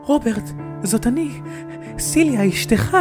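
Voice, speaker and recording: A man's voice: animated, over music. A man voicing a confused elderly woman who stammers and pleads for her husband. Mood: confused pleading. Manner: stammering, high and strained.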